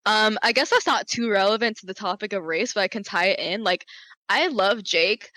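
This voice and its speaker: A woman talking casually as a convention panelist, animated and laughing, with lots of "like". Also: medium pitch, moderate pace, dry recording.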